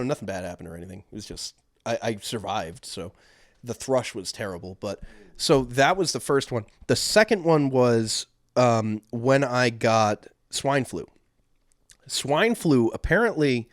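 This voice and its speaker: A man's voice: mid-range voice, no room sound, clean studio sound. A young man co-hosting a podcast, telling stories in a rambling way with lots of fillers. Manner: rambling, filler-heavy storytelling. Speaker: podcast co-host. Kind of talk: casual chat.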